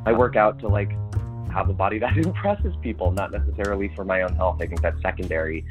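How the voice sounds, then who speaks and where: A man with a low voice leaves a casual voicemail. He talks candidly and laughs lightly now and then. Faint music plays underneath. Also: fast, rough recording. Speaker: caller.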